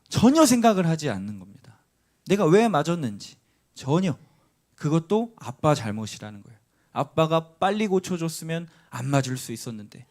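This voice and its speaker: A man in his thirties, a pastor, telling a personal story in a sermon and acting out his child's cries. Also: a little high. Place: church sanctuary.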